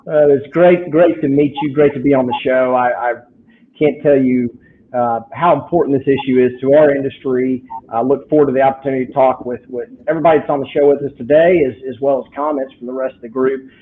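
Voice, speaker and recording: A man's voice: medium pitch, fairly even intonation, a little fast. A man from Texas with a Texan accent, explaining things as a folksy talk show guest who repeats and restarts phrases. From Texas, United States. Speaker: guest, trucking company representative. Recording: tinny phone-like line with background noise.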